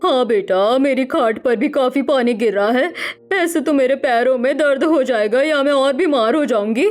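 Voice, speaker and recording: A woman's voice: high voice, normal speed, faint music behind, close to an everyday voice. Woman playing a frail, worried old mother. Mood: pleading. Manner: soft, pleading, worried. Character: ailing elderly mother, gentle and pleading.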